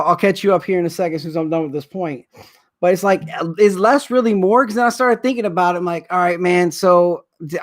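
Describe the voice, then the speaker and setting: A man in his thirties hosting a sports card livestream, rambling and emotional in casual chat. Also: a little high. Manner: rambling, emotional, repeats himself. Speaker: sports card breaker host.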